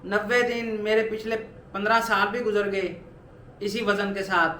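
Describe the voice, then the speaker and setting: A man's voice: high voice, flat delivery, moderate pace, bright, forceful tone, reverberant, slight background noise. A man in his twenties talking earnestly in a personal vlog, urging viewers on with repeated motivational points. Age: 20s. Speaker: vlogger. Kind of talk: personal weight-loss vlog.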